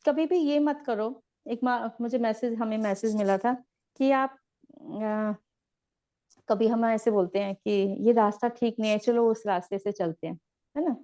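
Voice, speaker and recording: A woman teaching meditation in a gentle, repetitive, instructive way. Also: fairly high pitch, a little slow. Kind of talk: guided spiritual teaching.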